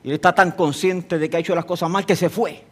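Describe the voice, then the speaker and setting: A man preaching a sermon, telling stories in an animated way and rising to emphatic peaks. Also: sits high, fast.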